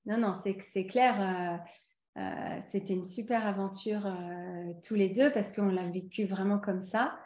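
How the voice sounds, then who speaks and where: A woman's voice: mid-range voice, steady tone, a little slow, a little mellow. A woman in her forties from France, a guest in a casual interview, talking hesitantly with many fillers and restarts. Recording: roomy, dull lo-fi sound.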